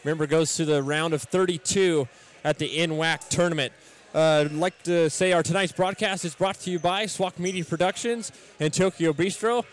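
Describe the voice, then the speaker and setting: This American man's voice sits on the high side and moves at a moderate pace. As play-by-play announcer for a college basketball pregame broadcast, he welcomes his audience from a script and rattles off stats, dropping in the occasional filler.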